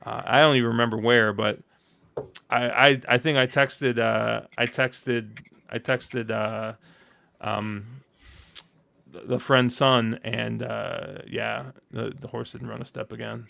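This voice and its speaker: A man hosting a casual podcast, telling long, excitable stories full of fillers and restarts. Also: mid-range voice, slow, gravelly. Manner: rambling, excitable storytelling with many fillers. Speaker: podcast host.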